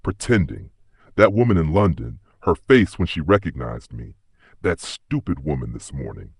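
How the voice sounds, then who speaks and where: Man doing a calm, unhinged young killer. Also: extremely low pitch, normal speed, gravelly, husky, no echo, studio quality, full character voice. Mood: gloating.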